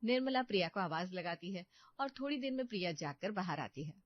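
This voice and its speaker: A woman's voice: lowish voice, expressive, brisk, dry recording, dull audio. A woman narrating a scripted cartoon story in a plain, matter-of-fact way.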